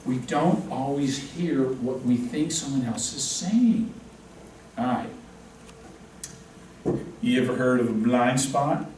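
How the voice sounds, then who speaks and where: A male instructor lectures a real estate class with lively, swinging intonation and plenty of jokes. He is recorded from across a very echoey classroom, with faint room noise underneath. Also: medium pitch, slow, pauses often. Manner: animated, joking, quizzes the class. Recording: very echoey room, distant mic.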